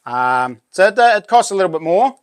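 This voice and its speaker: A man's voice: high-pitched, big pitch swings, normal speed, no room sound, clean studio sound. A man with a broad New Zealand Kiwi accent hosting a casual live stream, chatting to viewers in laid-back, matey slang.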